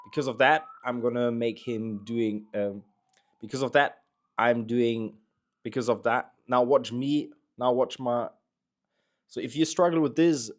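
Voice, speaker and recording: A man's voice: medium pitch, measured pace. A man speaking as a dating coach, commenting on a clip in an emphatic, explanatory voice-over.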